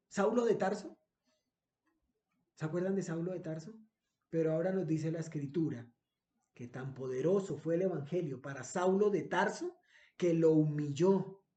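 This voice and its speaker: A man's voice: sits high, mellow, echoey room. A man preaching a sermon as pastor. He repeats phrases for emphasis and asks the congregation rhetorical questions.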